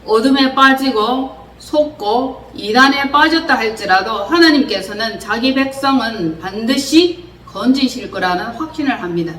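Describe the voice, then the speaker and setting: Bright-voiced woman preaching in a roomy space. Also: a little high. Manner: earnest exhortation with many rhetorical questions. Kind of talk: sermon. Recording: roomy echo, distant mic, faint noise.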